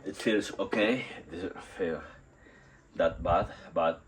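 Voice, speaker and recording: Very deep-voiced man, sick and halting. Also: very noisy. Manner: halting, rambling, repeats and searches for words. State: sick and nauseous. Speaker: home workout vlogger. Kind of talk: casual unscripted workout vlog. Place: outdoors in a still yard under a tarp. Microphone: phone on a tripod.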